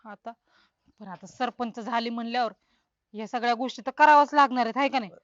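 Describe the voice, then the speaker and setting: Lady doing a shy new village sarpanch, hesitant, a bit high, dull lo-fi sound. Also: no echo, close to an everyday voice. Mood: nervous. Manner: hesitant, halting.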